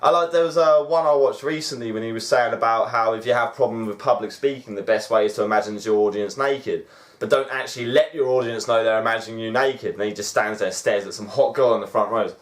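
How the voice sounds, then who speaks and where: A man's voice: mid-range voice, quick pace. A man co-hosting a casual chat show, enthusiastic, singing along and laughing often. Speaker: co-host. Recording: echoey room.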